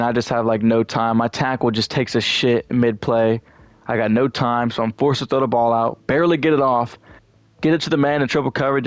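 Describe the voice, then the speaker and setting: A young man giving casual gameplay commentary, frustrated and profane, now and then shouting at the game. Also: medium pitch, dry recording. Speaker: gaming YouTuber.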